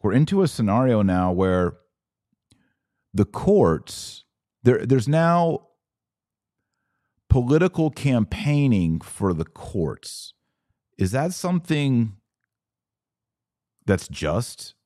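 An American-accented host of a live commentary podcast chats his way through viewer comments, asking questions and musing aloud. His mid-range voice has a sing-song lilt, a slow pace and long pauses, with a mellow quality. It's studio quality with no room sound.

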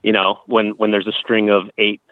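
Male interview guest, thirties, low voice, thin phone audio, conversational and personal. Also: level tone, normal speed, dry recording, phone-quality sound. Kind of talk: casual conversational interview, telling personal experiences. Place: outdoors at a campground.

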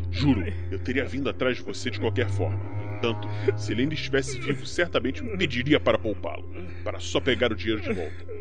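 An actor in a crime audio drama playing a vengeful enforcer, taunting, sardonic and foul-mouthed, speaking deliberately. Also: male voice, medium pitch. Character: menacing, vengeful male enforcer avenging his brother. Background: music.

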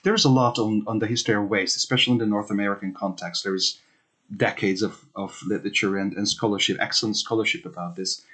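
A man's voice: fairly low pitch, fairly even intonation, fast, pushed and bright, husky. A man from Hungary in his thirties, a researcher answering interview questions thoughtfully, with many fillers and restarts.

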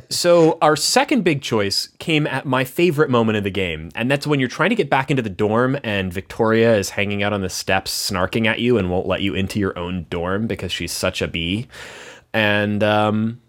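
A man hosting a casual game discussion in an animated, gushing manner. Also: lowish voice, moderate pace. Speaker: podcast host.

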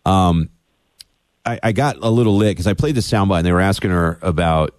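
A radio talk show host interviewing a guest, opinionated and getting worked up. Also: male voice, deep voice, brisk, darkish tone, no echo.

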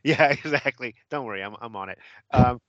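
A man's voice: medium pitch, brisk, fairly bright tone, no echo, lo-fi sound. A man co-hosting a sports chat who sets up each game preview in an easygoing way. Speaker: sports podcast co-host.

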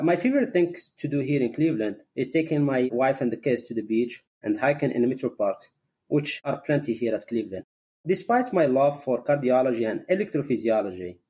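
A man in his thirties from Morocco, a cardiology fellow, introducing himself in a relaxed way with small hesitations. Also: mid-range voice. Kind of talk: conversational self-introduction.

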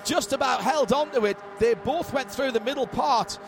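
A man's voice: extremely high pitch, normal speed, gravelly. A man working as a motorsport commentator, calling a live race in vivid play-by-play with wry humour. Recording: trackside broadcast with loud engine noise. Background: racing cars and trackside ambience.

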